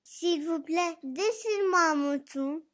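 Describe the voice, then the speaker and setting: A small, earnest little prince boy played by an actor in a dramatic storybook reading. The voice is very high and childlike, with slow, deliberate delivery. He is solemn and insistent, in a theatrical manner. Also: a bit bright, heavily acted. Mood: earnest pleading.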